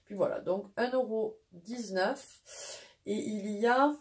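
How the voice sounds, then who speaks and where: A woman with a southwestern French accent talks through a casual haul video. She rambles cheerfully, stops to search for words and picks her sentences back up. Her voice sits at an ordinary middle pitch. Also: slight background noise. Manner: chatty and rambling, with frequent pauses and restarts. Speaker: vlogger and mother.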